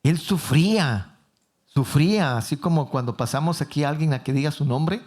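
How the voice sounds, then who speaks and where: A man's voice: fairly high pitch, normal speed, darkish tone. A man with a Mexican Spanish accent preaching a sermon as pastor in a church, telling the story with humor and acting out the characters. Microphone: handheld or stand microphone.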